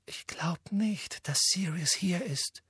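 A cautious teenage girl speaks in a hushed, hesitant way, as a male reader puts her on. Her voice is lifted a little and soft, with a husky edge. It sounds dry and close, in a storybook setting. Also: fairly high pitch, extremely slow, no echo, voice pushed up, heavily acted.

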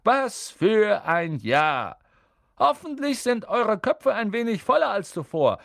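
A man's voice: high voice, very animated, takes it slowly, gravelly, a bit bright, no echo, clean studio sound, pitched above the performer's own voice, full character voice. A man doing a merry old wizard headmaster. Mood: exuberant. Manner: exuberant, grandly declaiming. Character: eccentric old headmaster, cheerful and whimsical. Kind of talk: audiobook character voice.

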